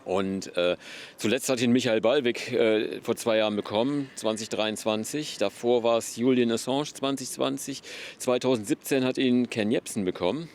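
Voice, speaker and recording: A man answering interview questions, halting and filling pauses often. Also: mid-range voice, darkish tone, slight background noise. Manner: halting, many fillers. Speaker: interviewee presenting an award. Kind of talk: street interview.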